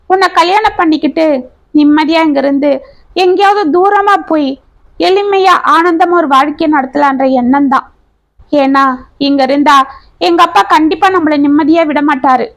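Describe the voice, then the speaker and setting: A woman's voice: high voice, fairly bright tone. A woman voicing a devoted, determined young man who speaks in an earnest, reassuring way.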